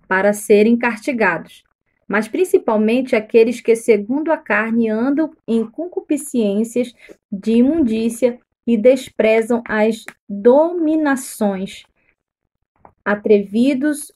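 A woman missionary reading the Bible aloud slowly and deliberately during a live stream, pausing to tell listeners which verses to mark. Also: on the high side, a little mellow.

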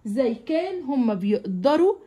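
A young woman with an Egyptian Arabic accent teaching English vocabulary to young pupils, repeating each word slowly and patiently. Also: sits high, sing-song, dark tone.

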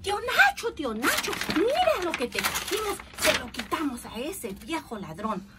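Lady doing naughty little boys, high and excited, noisy recording. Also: moderate pace. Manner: excited calling, conspiratorial hushing. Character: two mischievous young boys, bold. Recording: steady background noise.

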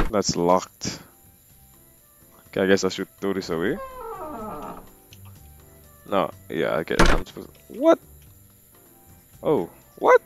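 A man's voice: on the low side, creaky. A young man giving slangy, reactive commentary while playing a horror game, calling everyone bro. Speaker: gamer. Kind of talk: live gameplay commentary.

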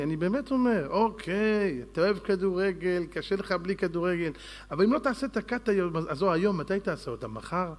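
A rabbi giving a Torah lecture, preaching fiercely with scolding rhetorical questions and sarcastic asides. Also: male voice, high voice.

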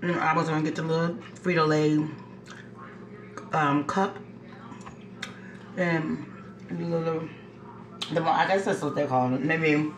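A middle-aged woman chatting casually with her mouth full, eating between halting phrases in a mukbang at home. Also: deep voice, fairly even intonation. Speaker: mukbang vlogger. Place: home kitchen, indoors. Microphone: phone propped at arm's length. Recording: roomy kitchen echo, noisy with dish clatter.

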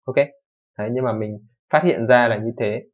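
A young man teaching programming in a coding tutorial, talking informally, checking in often and correcting himself as he goes. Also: medium pitch. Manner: fast, informal explaining with frequent "đúng không" checks and self-corrections. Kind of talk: screen-recorded coding tutorial. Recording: dull lo-fi microphone.

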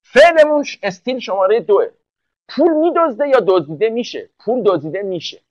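High-voiced man teaching grammar in a dry room. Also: lively intonation, a little mellow, no room sound, lo-fi sound. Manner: drills students with quick questions, often answers them himself; slows right down to spell out English sentences. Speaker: English teacher. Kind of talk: online class lecture.

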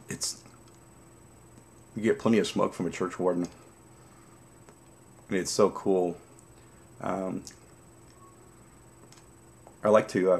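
A man in his forties chatting casually to camera in a savoring way, pausing between puffs on a pipe. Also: low voice, creaky, a little mellow. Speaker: pipe-smoking vlogger. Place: small dim room at home, indoors.

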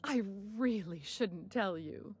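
A woman's voice: mid-range voice, lively intonation, takes it slowly, darkish tone, slightly rough, dry recording. An actress voicing a sly, discreet woman who runs a secret venue in a game, talking in a coy, conspiratorial, dryly smug way. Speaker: game character, gallery receptionist.

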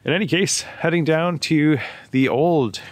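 A man's voice: a little high, a little slow, no room sound. A man giving casual, conversational walking commentary as a travel vlogger, outdoors among ruins. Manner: chatty and conversational, with filler like "you know" and "like".

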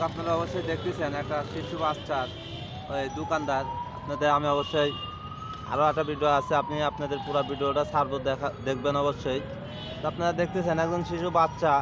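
A man with a Bangladeshi accent hosting a casual street vlog, talking in an informal, repetitive, coaxing way. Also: fairly high pitch. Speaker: video host. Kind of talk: casual street vlog talk, addressing viewers and a young boy. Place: outdoors on a busy city roadside. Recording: noisy outdoor street with traffic. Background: traffic, vehicles, city ambience.

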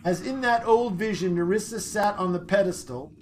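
A high-voiced man reading game story text aloud in a plain, steady manner. A faint background hum sits behind him. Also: moderate pace. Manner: plain reading with small slips and restarts. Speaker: let's-play narrator.

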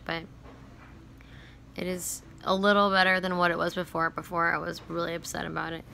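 A woman in her twenties giving a casual, halting personal update to her phone at arm's length in a room at home. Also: lowish voice, gravelly, bright, forceful tone, slight background noise. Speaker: vlogger. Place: small room at home, seated indoors.

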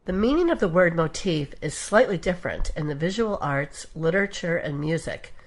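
A woman giving measured, scripted documentary narration. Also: fairly low pitch, crowd noise, rough recording. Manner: measured, even storytelling delivery. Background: music.

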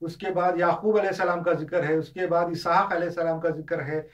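High-voiced man teaching a religious lesson. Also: steady tone, a little fast. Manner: explains with examples, often restarts and hesitates. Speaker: religious lecturer. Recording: distant, dull lo-fi.

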